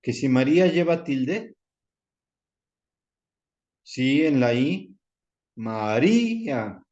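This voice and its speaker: A man's voice: on the high side, slow, a little mellow, highs cut off. A man, lecturing a university class over a video call and repeating the key points. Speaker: university professor.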